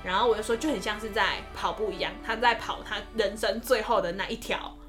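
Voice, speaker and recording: A young adult woman, a nurse telling a story in a casual podcast chat, expressive and animated. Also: brisk, music in the background. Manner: expressive storyteller, lively swings in pitch.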